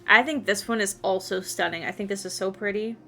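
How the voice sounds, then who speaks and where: A woman's voice: mid-range voice, brisk, vocal fry, sharp tone, soft background music. A woman chatting casually on a game livestream, rambling and thinking aloud as she plays. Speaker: game streamer.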